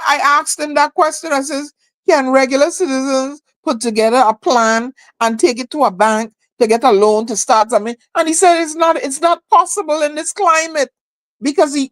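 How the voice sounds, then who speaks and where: A woman's voice: high-pitched, no echo. A woman from Barbados hosting a casual political chat over a streaming call, speaking emphatically, repeating phrases and quoting slogans. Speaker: host.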